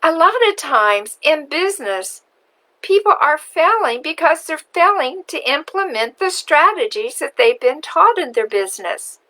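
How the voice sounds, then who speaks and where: A woman with a high, bright voice telling a childhood story in an online video. She takes her time and lingers over each phrase. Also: big pitch swings, poor audio. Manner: slow, deliberate storyteller. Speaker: marketing video host. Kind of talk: storytelling vlog.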